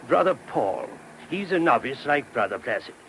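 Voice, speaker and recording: In a noisy old radio play recording, a man voices an anxious, courteous monk who is guiding a police inspector. His medium-pitched voice is sing-song and fairly bright with vocal fry, at a moderate pace. He sounds hesitant, apologetic, troubled, and earnest.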